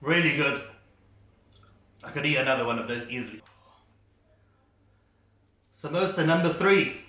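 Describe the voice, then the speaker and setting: A man's voice: mid-range voice, animated, unhurried, bright, forceful tone. A man hosting a food tasting, chatting enthusiastically as he eats and rates each bite. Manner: enthusiastic, talks while chewing. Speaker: food reviewer host. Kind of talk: casual food tasting commentary. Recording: echoey room.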